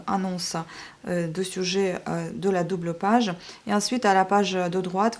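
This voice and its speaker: Woman vlogger, lowish voice, chatty and halting, lots of ums while she shows stuff, faint hiss behind. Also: a little mellow. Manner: hesitant, frequent fillers and restarts. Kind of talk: casual show-and-tell vlog.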